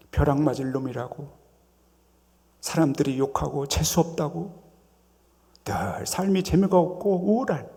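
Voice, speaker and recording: A male pastor preaching a sermon in a church sanctuary, animated and often asking the congregation rhetorical questions. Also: medium pitch, creaky. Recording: long hall reverb.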